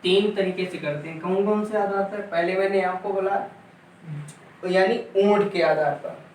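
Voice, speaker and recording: A man's voice: high voice, measured pace, far from the mic. A male teacher giving an exam-prep lecture, repeating points and drilling sounds aloud for his students. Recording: echoey room, voice from afar, faint noise.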